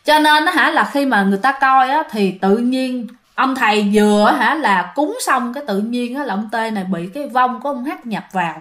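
A woman's voice: on the high side, brisk, hardly any pauses, a bit bright. A woman with a Southern Vietnamese accent, telling ghost stories in a chatty way, often addressing her listeners. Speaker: storyteller and channel host. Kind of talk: casual ghost-story narration.

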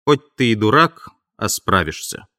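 A man's voice: fairly low pitch, sing-song, unhurried, bright, forceful tone, dry recording, clean studio sound, full character voice. Man doing a stern, menacing invisible man. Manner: curt, threatening commands.

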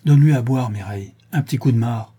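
A man voicing a gruff, blunt farmer. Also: mid-range voice, quick pace, mellow, close to an everyday voice. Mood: commanding. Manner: blunt, commanding. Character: gruff rural farmer roused at night.

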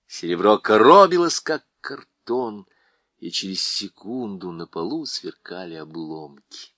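A man narrating an audiobook in an expressive storytelling manner. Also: on the low side, a little slow, dry recording.

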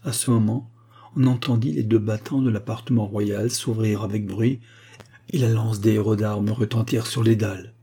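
A man reading a historical novel aloud as an audiobook narrator, with a measured, literary delivery. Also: lowish voice, steady tone, mellow, slightly rough.

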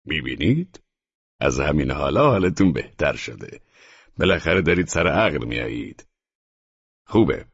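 A man's voice: extremely low pitch, creaky, husky, dry recording, dull audio, exaggerated voice. A man voicing a cruelly sarcastic male neighbor who mocks a helpless captive in an audiobook. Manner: sneering and mock-soothing, slow in parts.

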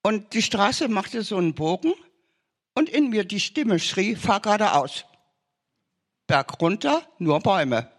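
A man's voice: high voice, very animated, unhurried, a bit bright. A man preaching an urgent sermon testimony, pressing listeners with emphatic, repeated short commands.

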